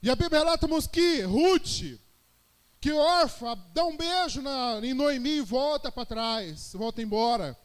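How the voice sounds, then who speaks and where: A Brazilian man preaching a sermon, telling his own testimony and building to shouted praise. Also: extremely high pitch, expressive, unhurried, smooth. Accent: Brazilian Portuguese. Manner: testimony-style storytelling, rising to shouted praise.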